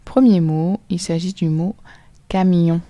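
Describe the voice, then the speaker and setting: A woman with a French accent teaching a recorded phonics lesson to children, spelling sounds out slowly and clearly letter by letter. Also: lowish voice, no echo, dull audio.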